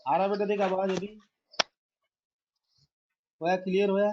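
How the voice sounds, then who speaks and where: A man's voice: high-pitched, little pitch movement, a little slow, lo-fi sound, background noise. A man teaching a math class online, calling his students "beta" and mixing English math terms into his explanations.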